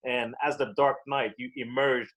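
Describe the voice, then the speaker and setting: A man's voice: medium pitch, fairly even intonation, moderate pace, a bit bright. A man giving a motivational impromptu speech at a club meeting, using rhetorical questions. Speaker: meeting participant answering a table topic.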